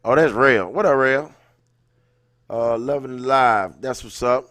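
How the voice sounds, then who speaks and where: A mid-range, fairly bright male voice takes things slowly as he hosts a livestream. Informal and slangy, he moves between reading aloud and casual conversation with viewers, greeting them by name mid-thought.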